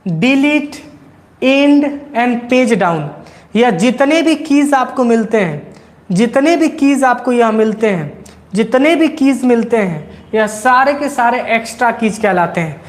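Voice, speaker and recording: A man's voice: extremely high pitch, animated, unhurried. A man teaching computer basics. He repeats key points and teasingly scolds his students. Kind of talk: classroom-style lesson.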